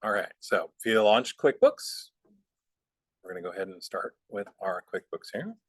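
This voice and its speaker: Dry-sounding relaxed male instructor. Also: lowish voice, normal speed, husky, no room sound. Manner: relaxed, rambling, lots of fillers. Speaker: bookkeeping instructor. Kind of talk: casual software class with chatty asides.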